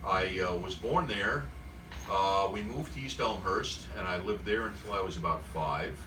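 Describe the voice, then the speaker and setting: Low-voiced middle-aged man. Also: moderate pace, noisy background. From Queens, New York City. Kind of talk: casual storytelling.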